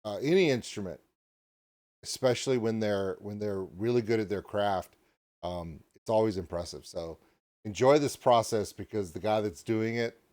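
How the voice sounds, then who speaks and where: A man hosting a reaction video, talking in a rambling, excitable way and joking at his own expense. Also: on the low side, normal speed. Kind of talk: reaction commentary.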